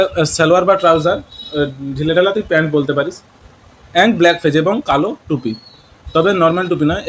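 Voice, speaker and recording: A man's voice: a little high, slight background noise, rough recording. Male Bengali teacher explaining English words. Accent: West Bengal Bengali. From West Bengal, India. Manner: mixes English words into Bengali, asks students questions.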